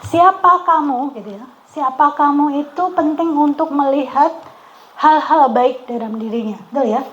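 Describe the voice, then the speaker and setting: A woman's voice: high-pitched, moderate pace, highs cut off. A middle-aged woman, a psychologist, leading a training session in a chatty, interactive way, often checking in with the group. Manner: chatty, keeps asking the group "betul ya?". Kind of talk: interactive workshop talk. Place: outdoor training venue.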